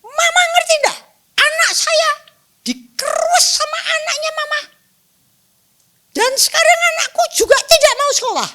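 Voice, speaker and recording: A woman voicing a middle-aged mother who has lost her patience and shouts through tears. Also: extremely high pitch, moderate pace, long pauses, pitched above the performer's own voice. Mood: desperate. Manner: shouting, tearful.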